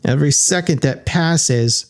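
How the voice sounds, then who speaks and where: A man voicing a blunt, sharp-tongued female robot in a flat monotone. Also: on the high side, measured pace, voice pushed up. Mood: flat impatient.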